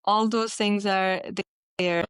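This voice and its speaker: A woman from Pakistan, telling stories as an interview guest in a chatty, animated way with many fillers. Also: medium pitch, slow pace, smooth, no echo, clean studio sound. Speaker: interview guest, physician and mountaineer. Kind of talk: casual interview storytelling.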